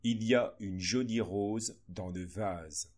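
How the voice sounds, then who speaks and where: A man reading a slow phonics lesson, saying each word deliberately with pauses between. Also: on the low side, a little mellow. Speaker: teacher.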